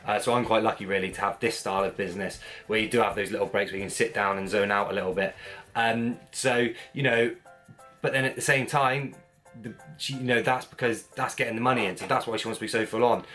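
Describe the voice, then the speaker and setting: A man with a Wiltshire accent and a fairly low voice chats to his vlog audience. His delivery is informal and blokey, wandering from point to point. Some music sits behind the talk. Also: fairly even intonation, brisk, a bit bright. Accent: Wiltshire English. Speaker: vlogger, gym owner. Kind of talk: casual chat to viewers.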